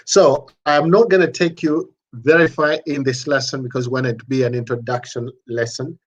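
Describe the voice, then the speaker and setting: Male teacher, mid-pitched, patient and repetitive delivery, slightly dull lo-fi recording. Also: steady tone. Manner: patient, repeats syllables slowly, many restarts. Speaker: language teacher. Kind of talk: online language lesson.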